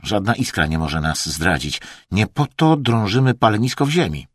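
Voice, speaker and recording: A man voicing a curt, gruff male expedition leader who talks in clipped, sharp phrases. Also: fairly low pitch, animated, moderate pace, no room sound, studio quality.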